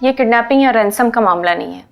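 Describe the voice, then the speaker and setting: An actress playing a calm, probing police investigator in a crime TV drama. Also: female voice, on the high side, quick pace, creaky.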